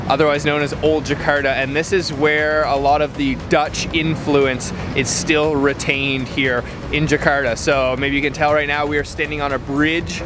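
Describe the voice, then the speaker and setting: A man's voice: on the high side, little pitch movement, moderate pace, hardly any pauses, over music. A man hosting a travel food vlog, talking to viewers in an upbeat, enthusiastic, casual way on location.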